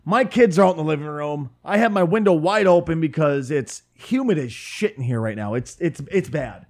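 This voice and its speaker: Ein Mann mit nördlichem Minnesota-Akzent, der locker, derb und scherzend einen Podcast moderiert. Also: male voice, a little high, animated, moderate pace, a little mellow. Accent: Northern Minnesota. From northern Minnesota. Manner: loose, profane and joking. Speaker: podcast host and streamer. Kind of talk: casual podcast chat. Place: home room with window open.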